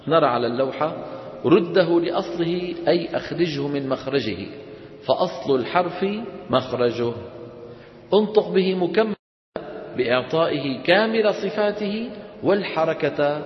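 A man teaching a classroom tajweed lesson, quizzing the class and chanting verses slowly. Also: fairly high pitch, lively intonation. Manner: asks the class questions and answers them, chants verses slowly. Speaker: Quran recitation teacher. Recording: roomy lecture hall, dull lo-fi sound.

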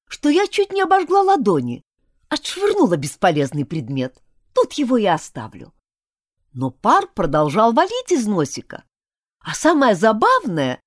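Expressive woman narrating an audiobook. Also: high voice, no echo, studio quality. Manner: wry and expressive. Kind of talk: first-person audiobook narration.

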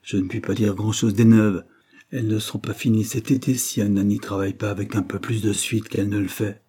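A man's voice: lowish voice, flat delivery, brisk, warm tone, breathy edge. A man voicing a curt, sour-tongued housekeeper woman in an audiobook reading. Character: sharp-tongued, stern female housekeeper.

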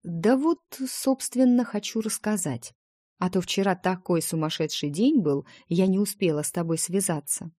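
A woman's voice: fairly low pitch, moderate pace, warm tone, no echo, clean studio sound, natural voice. A woman reading the part of a chatty, playful young heroine in an audiobook, wheedling her dragon friend.

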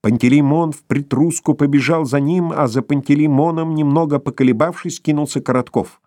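A man reading a story aloud as narrator, expressive and dramatic. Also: a little high, moderate pace, no echo, clean studio sound. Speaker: audiobook reader. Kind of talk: scripted narration.

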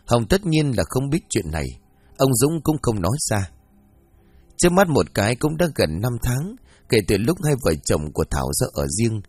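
A man narrating a story as an audiobook, reading in a lively, expressive way. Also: mid-range voice.

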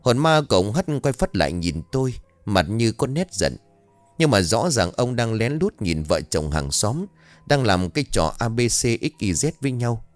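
A man narrating a horror-comedy story in first person, in a lively, expressive way. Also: fairly low pitch, moderate pace, dry recording, faint music behind.

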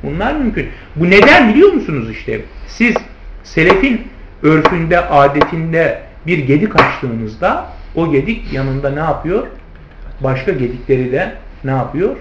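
At a measured pace, a man with a fairly high, sing-song voice lectures on hadith commentary over a noisy background. He addresses his listeners as friends and repeatedly answers his own rhetorical questions. The recording sounds roomy and slightly dull.

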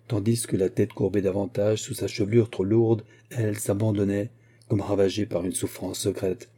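A male audiobook narrator reads in a steady, measured way. His voice is very dark and mellow, with a husky edge, and sits fairly low. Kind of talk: scripted narration.

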